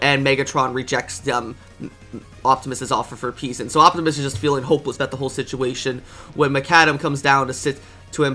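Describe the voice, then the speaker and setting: A man's voice: mid-range voice, bright, forceful tone. A man with a congested, stuffy voice, talking eagerly and casually as a video reviewer, often correcting himself mid-sentence. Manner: eager, enthusiastic, self-correcting.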